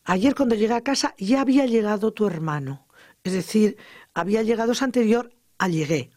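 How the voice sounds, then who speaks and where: A grammar teacher giving an educational radio lesson, explaining lively and acting out example sentences. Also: medium pitch, fairly quick, no room sound, studio quality.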